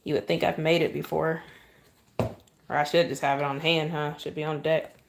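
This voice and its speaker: A woman's voice: sits low, level tone, normal speed, gravelly, background noise. A chatty woman, demonstrating cake decorating on a live stream and often thanking her viewers.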